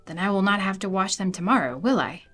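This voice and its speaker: A woman's voice: medium pitch, lively intonation, quick pace, a bit bright. Woman voicing mopey, exclaiming storybook Toad, music behind. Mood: bargaining. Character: Toad, grumpy mopey procrastinating male storybook toad.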